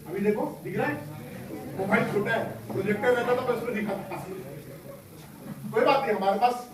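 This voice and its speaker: A hoarse man leading a school workshop, quizzing pupils with call-and-response questions in a classroom. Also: high voice, a little fast, recorded from a distance. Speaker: workshop trainer. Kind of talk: classroom talk to students. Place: large echoing school classroom. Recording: echoey classroom taped from afar, student chatter. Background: students murmuring.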